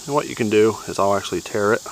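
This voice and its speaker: Relaxed man cooking at a woods campfire. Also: on the low side, very fast, a little hiss or hum. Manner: relaxed, plain-spoken, instructive. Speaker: outdoors vlogger. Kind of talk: casual camp-cooking narration.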